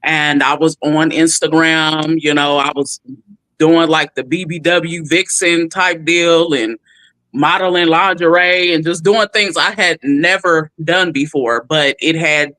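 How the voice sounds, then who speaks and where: Bright-voiced woman in her thirties. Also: low voice, measured pace, no room sound. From California. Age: 30s. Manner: expressive, animated, acts out quotes. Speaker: guest. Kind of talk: candid interview storytelling.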